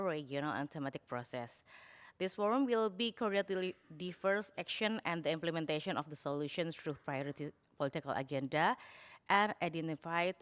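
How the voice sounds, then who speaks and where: Indonesian-accented woman, low pitch, smooth clear voice, halting delivery with fillers. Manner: halting, many filler sounds. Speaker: forum secretariat representative. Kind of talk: conference announcement.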